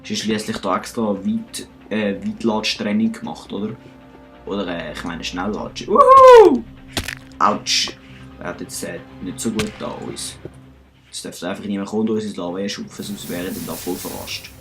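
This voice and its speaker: Low-voiced Swiss German man for let's play narration, chatty and self-mocking, soft music bed. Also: fairly even intonation, moderate pace. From Switzerland. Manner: chatty, self-mocking, talks to himself and viewers. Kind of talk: casual gameplay commentary.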